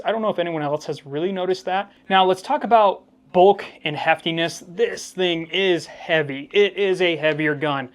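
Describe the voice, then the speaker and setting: A man reviewing a product casually for viewers, explaining its drawbacks in a critical but measured, conversational way. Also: on the high side. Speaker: firearm reviewer, host.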